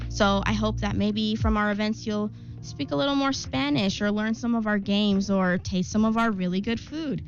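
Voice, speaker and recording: A young adult woman from Long Island, New York, president of a student club, fields interview questions with chatty enthusiasm and plenty of filler words. She speaks in a mid-range voice, and the audio has its highs cut off.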